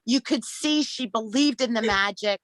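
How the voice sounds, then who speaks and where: A middle-aged woman, a podcast host's mother, recalling a family memory in an interview, speaking haltingly with many fillers and fighting back tears. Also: on the high side, fairly bright tone, no echo, low-quality recording. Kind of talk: emotional interview.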